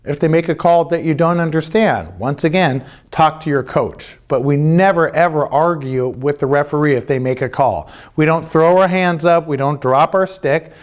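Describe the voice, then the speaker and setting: This middle-aged American man coaches youth lacrosse and represents the club, and here he explains its rules at a moderate pace with few pauses. His voice sits on the high side. Earnest and plain-spoken, he emphasizes his key points and goes over them again.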